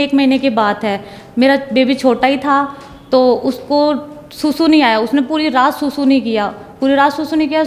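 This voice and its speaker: A woman's voice: high-pitched, a little mellow, in a large hall. A young woman giving a personal religious testimony in casual storytelling, retelling conversations line by line and quoting herself and others.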